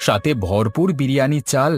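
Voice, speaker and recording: In a Bengali cartoon, a man voices a cheerful village biryani shop owner who is hearty and eager to please. His natural, mid-range voice moves a little fast, and background music plays under the recording.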